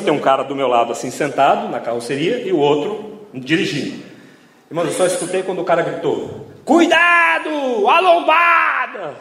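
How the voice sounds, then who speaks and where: A man with a Brazilian Portuguese accent preaching a testimony, telling his story with lively acted-out scenes and frequent laughs. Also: on the high side. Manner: animated storytelling, acting out scenes, laughing often. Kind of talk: testimony sermon. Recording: echoey hall, faint ambience.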